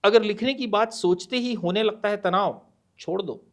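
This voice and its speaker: A middle-aged man, a guest author on a podcast, speaking in a measured, deliberate way and mixing Hindi and English, with hesitant pauses. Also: high-pitched. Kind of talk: podcast interview, reading a poem aloud.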